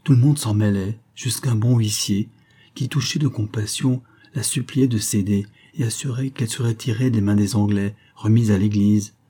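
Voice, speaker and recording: A man reads a history book aloud in a measured, even audiobook narration. His voice sits low, with a mellow, soft tone and a husky grain.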